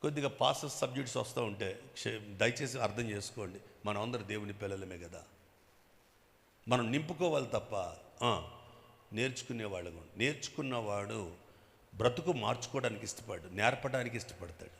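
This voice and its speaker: A man preaching a sermon as bishop with a Telugu accent, emphatic, swinging from loud bursts to quiet asides and prodding the congregation with questions. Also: lowish voice, lively intonation, fairly quick, vocal fry. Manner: emphatic, bursts loud then drops soft, prods the crowd with questions. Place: church hall with long reverb. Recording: echoey church hall.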